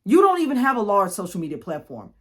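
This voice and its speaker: A young woman, telling a storytime vlog in a chatty, animated way, often repeating and restarting. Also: mid-range voice, fast. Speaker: YouTuber.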